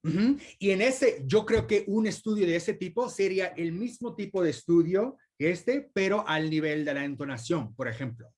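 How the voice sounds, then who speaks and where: A man's voice: high voice, expressive, moderate pace, few pauses, darkish tone, husky. Thoughtful man fielding questions after a talk. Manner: explains thoughtfully with many examples. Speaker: guest speaker answering questions. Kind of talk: academic Q&A discussion.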